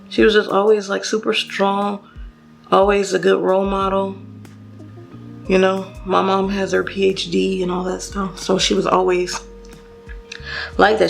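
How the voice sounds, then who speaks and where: A woman's voice: mid-range voice, gravelly. A young woman telling a personal story to her viewers while doing her makeup, casual and chatty with lots of fillers and restarts. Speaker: beauty vlogger.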